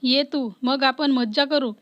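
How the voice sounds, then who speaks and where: A woman's voice: high voice, steady tone, unhurried, a bit bright, dull audio. Woman voicing a caring, emotional young woman. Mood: teasing.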